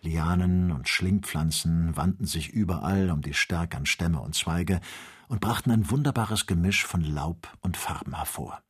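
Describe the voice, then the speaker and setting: A man narrating an audiobook in an even, descriptive storytelling manner. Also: low voice, normal speed, breathy edge. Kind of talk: scripted narration.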